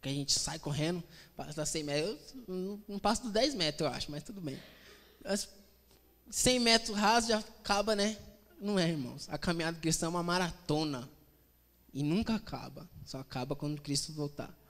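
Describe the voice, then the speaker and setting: A man preaching a conversational, animated sermon, acting out quotes with humor. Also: a little high, a little fast, long reverb tail. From Brazil.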